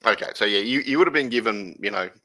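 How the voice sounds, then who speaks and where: Low, bright-voiced man running the game. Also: expressive, quick pace, poor audio. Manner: loose, rambling narration. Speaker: game master.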